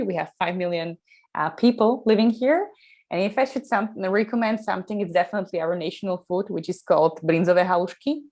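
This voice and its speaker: Interview guest: young Slovak woman, lowish voice, friendly, halting English with a Slovak accent. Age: young adult. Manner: friendly, lots of ums and uhs, restarts. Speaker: guest, company co-founder. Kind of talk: casual interview answers.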